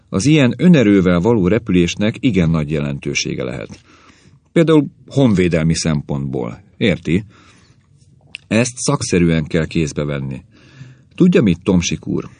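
A man's voice: deep voice, very animated, warm tone, no echo, exaggerated voice. A man voicing an eager, insistent promoter who urges and arranges everything. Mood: urging. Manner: insistent, urging.

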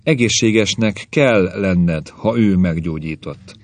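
A man's voice: deep voice, no room sound, close to an everyday voice. A man voicing a firm, worried woman who cares for her sick brother, speaking tersely and dryly. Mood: firm concern. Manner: terse and dry, pressing.

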